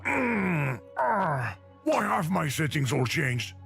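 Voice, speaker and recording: A man's voice: fairly high pitch, big pitch swings, slow, creaky, fairly bright tone, slightly rough, soft background music, exaggerated voice. An actor playing an exasperated man in an automated smart home, muttering and grumbling theatrically as a video game character.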